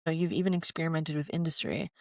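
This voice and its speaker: A woman's voice: sits low, steady tone, very fast, vocal fry, a little mellow, no echo, clean studio sound. A young adult woman hosting a podcast interview, enthusiastic and chatty, with frequent filler words. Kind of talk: casual interview talk.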